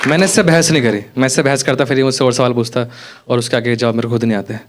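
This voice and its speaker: A man's voice: medium pitch, steady tone, racing. A young man performing a stand-up comedy set on stage, telling stories in a conversational way and acting out the dialogue. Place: comedy theatre stage with live audience. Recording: live venue with loud audience noise. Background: audience laughter.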